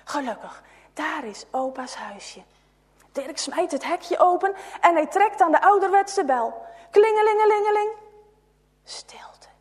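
A woman reading a children's story aloud, expressive and hushed at tense moments. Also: high voice, unhurried, in a large hall.

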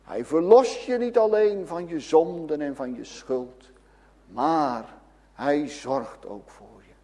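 A man preaching slowly in a high, very animated voice that swings from loud calls to near-hushed lines. He addresses children and adults alike. The sound carries a long reverb of a church hall.

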